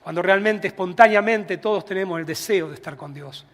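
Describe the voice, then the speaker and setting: High-voiced Argentine pastor in reverberant hall. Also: male voice, brisk. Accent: Argentine Spanish. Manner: animated storytelling, acting out dialogue, chuckling. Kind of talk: storytelling sermon. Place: church sanctuary. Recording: long church hall reverb.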